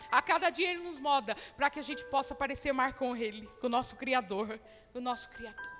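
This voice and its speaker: A Brazilian woman pastor preaching a sermon in a church with a São Paulo accent, dropping to soft, low asides and rising to loud, emphatic calls. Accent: Brazilian Portuguese, São Paulo state. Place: church hall. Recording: long hall reverb, faint music behind.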